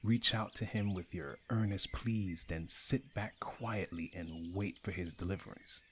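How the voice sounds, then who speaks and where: A man delivering a scripted morning devotional in a measured, earnest way. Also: low-pitched, slight background noise. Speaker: devotional speaker.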